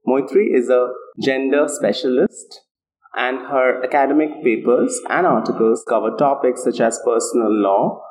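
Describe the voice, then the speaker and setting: A man hosting a podcast interview, asking questions in a friendly, halting way with fillers. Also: mid-range voice, darkish tone, echoey room, slight background noise, rough recording. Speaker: podcast host. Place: on a university campus.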